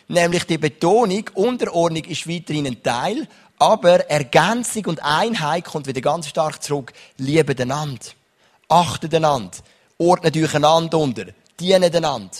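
Pastor preaching with lively emphasis. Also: male voice, on the high side, moderate pace. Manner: lively preaching, reads Bible verses, asks the crowd "oder?". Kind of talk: sermon.

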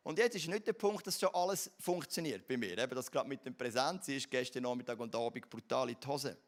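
A middle-aged man with a Swiss German accent, preaching a sermon as pastor, lively and dropping soft to stress points. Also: mid-range voice, brisk.

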